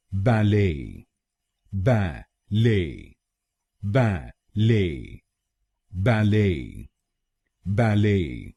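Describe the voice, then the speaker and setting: A man from India teaching pronunciation in a scripted lesson, speaking slowly and deliberately and repeating each word twice. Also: lowish voice, mellow, husky.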